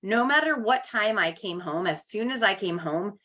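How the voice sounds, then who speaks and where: A woman's voice: mid-range voice, lively intonation, moderate pace, bright, forceful tone. A woman hosting a live coaching call over video, chatty and upbeat, greeting viewers by name. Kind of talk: casual live coaching chat.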